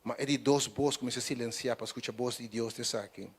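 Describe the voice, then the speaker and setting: Impassioned preacher. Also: male voice, mid-range voice, steady tone, quick pace, slight background noise. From Curaçao. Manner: swings between quiet talk and loud rising emphasis. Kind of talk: sermon. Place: church broadcast on radio.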